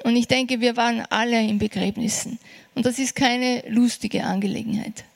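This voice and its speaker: Earnest woman preaching, higher voice. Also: steady tone, vocal fry. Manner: earnest, encouraging, slows down for emphasis. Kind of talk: sermon.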